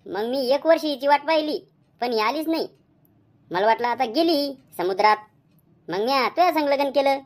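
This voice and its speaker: A man's voice: very high voice, expressive, moderate pace, a little hiss or hum. A man voicing a harried middle-aged village husband in a cartoon comedy, with a Khandeshi Marathi accent and a grumbling, weary manner. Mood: explaining.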